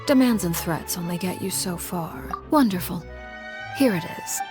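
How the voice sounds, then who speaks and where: A woman playing a cold, composed female Harbinger in a video game, speaking formally and deliberately with soft, hushed edges. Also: on the low side, lively intonation, lightly acted. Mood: cool, condescending. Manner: measured, formal, aloof, deliberate. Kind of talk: video game story dialogue. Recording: music playing behind the voice.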